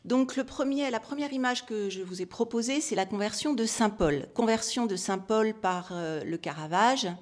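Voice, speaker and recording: A woman's voice: fairly high pitch, moderate pace, hardly any pauses. Hesitant woman giving a talk. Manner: hesitant, many fillers and restarts. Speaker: historian giving a symposium talk. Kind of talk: academic conference talk.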